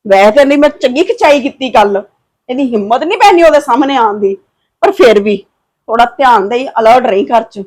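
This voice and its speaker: A fierce, protective mother, played by a woman in a family drama. Her voice sits high, and she talks firmly and defiantly. She also soothes her daughter. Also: expressive, fairly quick, darkish tone. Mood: reassuring. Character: protective, fierce middle-aged Punjabi mother.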